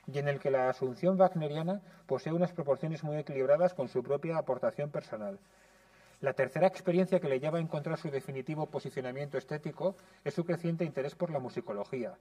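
A man reads a prepared lecture in a measured, explanatory way. His voice is slightly high and mellow. He sits a little back from the microphone in a classroom. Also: far from the mic. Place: conservatory classroom.

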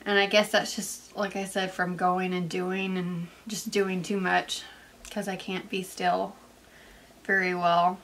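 Breathless, chatty young woman with a bright voice. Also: lowish voice, flat delivery, unhurried, a little hiss or hum. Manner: chatty and rambling, full of "like" fillers. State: congested from sinus allergies. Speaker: vlogger. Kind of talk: casual pregnancy update vlog.

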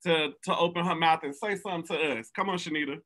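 A man moderating a discussion on a video call, encouraging and measured. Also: fairly high pitch, a bit bright. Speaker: director and moderator.

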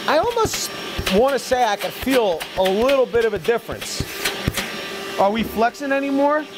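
A man in his forties giving a casual, lively tool review while testing gear in an indoor workshop, talking into a lapel mic. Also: very high-pitched, moderate pace, very noisy. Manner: lively, chatty, excited while testing tools.

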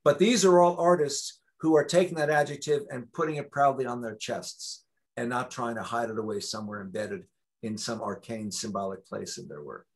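A man in his sixties, working as a guest lecturer, answers questions over a video call from his home study, picked up by a webcam mic. His voice sits at medium pitch and moves at a moderate pace. He talks in long, animated, discursive stretches, often restarting his sentences.

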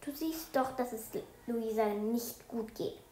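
A woman's voice: fairly high pitch, unhurried, mellow, a little hiss or hum, lightly acted. Woman voicing a stern schoolteacher, roomy echo. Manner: stern, raised scolding voice. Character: strict female schoolteacher, quick to scold. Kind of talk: storybook reading.

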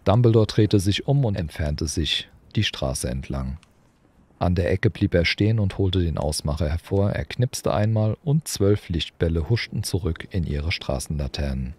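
A man reading a children's audiobook aloud in an expressive storytelling manner. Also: sits low, husky. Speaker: audiobook reader. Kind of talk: audiobook narration.

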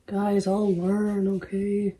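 A woman's voice: medium pitch, completely flat delivery, slow pace, slightly rough. Chatty young woman vlogger, half-whispering. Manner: chatty, often laughing, drops into soft whispers. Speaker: beauty vlogger. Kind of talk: casual get-ready-with-me chat. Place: at home.

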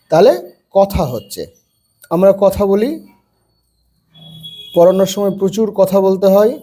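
A man teaching young children to read, spelling words letter by letter and then saying them slowly and drawn out. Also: sits high, dark tone.

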